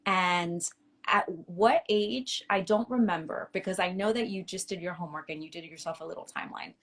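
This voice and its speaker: A woman's voice: fairly low pitch, brisk. A woman in her forties from Miami, hosting a casual interview with an old school friend and asking long, leading questions. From Miami, United States. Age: 40s. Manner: warm, talkative, leading questions. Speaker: podcast host.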